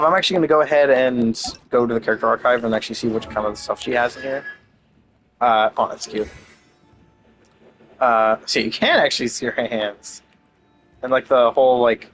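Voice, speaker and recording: A man's voice: medium pitch, poor audio. Rambling man commenting on his game. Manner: rambling, swears casually, thinks out loud. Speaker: gaming video creator. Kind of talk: casual gameplay commentary.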